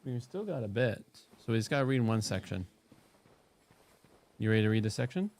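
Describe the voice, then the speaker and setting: A man streaming a game, chatting casually and reading scripture aloud with animated, joking asides. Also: on the low side, brisk.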